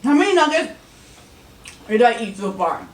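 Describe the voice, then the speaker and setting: A woman's voice: on the high side, very animated, moderate pace, a little hiss or hum. A woman vlogger chatting casually and teasing her partner during an eating challenge. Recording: echoey room, mic at a distance.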